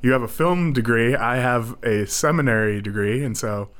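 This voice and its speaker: A man who is a pastor, co-hosting a podcast in relaxed chat, easygoing and quick to laugh at himself. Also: mid-range voice, clear, resonant tone. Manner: easygoing, laughs often, self-deprecating. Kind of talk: casual chat.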